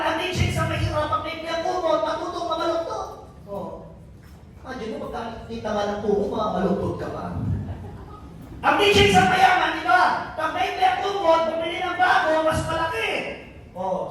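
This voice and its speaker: A man from Albay, Philippines, with a high voice gives a joking motivational talk to a live crowd. He teases people and keeps asking them questions. The voice rings through a very echoey hall, heard from a distance over faint background noise. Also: lively intonation, moderate pace, fairly bright tone. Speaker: business mentor and motivational speaker. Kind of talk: motivational speech to a live audience. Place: event venue hall, indoors. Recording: very echoey event hall, picked up from afar.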